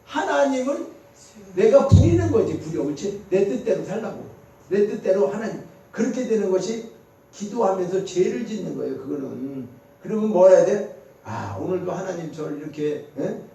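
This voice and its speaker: A high-voiced male pastor preaches with a mellow, dark tone. He keeps asking the congregation questions and answering them himself. The sound is very echoey and distant, as if picked up from across the church. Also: animated, moderate pace, vocal fry. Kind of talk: sermon. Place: church sanctuary.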